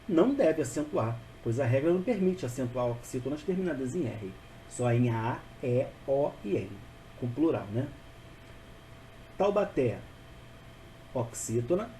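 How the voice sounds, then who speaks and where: A man's voice: medium pitch, dark tone, slight background noise, poor audio. A man teaching a grammar lesson, patient and repetitive, often checking in with the listener. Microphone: voice-over for a narrated video.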